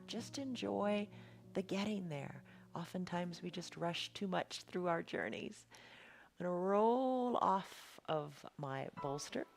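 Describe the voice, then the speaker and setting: A woman leading a guided restorative yoga class in a soothing, unhurried, encouraging way. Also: lowish voice, vocal fry. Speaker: yoga instructor.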